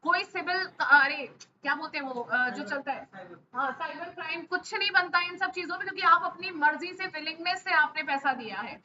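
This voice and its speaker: A woman with a very high, bright voice teaches a stock market class over a video call, often pausing to check that her students are following. Her audio sounds slightly muffled, with a faint hiss behind it. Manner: keeps checking in with frequent "ok?" and hesitation fillers. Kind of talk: live online class, answering questions.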